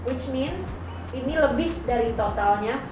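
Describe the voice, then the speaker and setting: A woman's voice: high-pitched, normal speed. A woman asking interview questions in a direct, chatty way, mixing in English words. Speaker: street interviewer. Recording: echoey with loud music behind.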